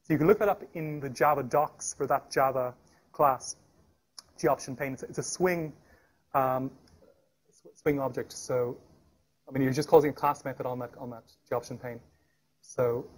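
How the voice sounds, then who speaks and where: A man giving a live technical presentation at a meetup, talking fast with frequent restarts and fillers. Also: medium pitch, fairly even intonation. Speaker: tech meetup speaker. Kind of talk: live technical talk with demo. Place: meetup room.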